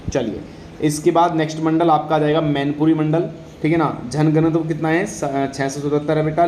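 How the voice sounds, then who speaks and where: In an echoey room with a faint hum of background noise, a man casually lectures on exam-related general knowledge. He repeats questions and answers often and checks that students understand, his voice slightly high and a little mellow.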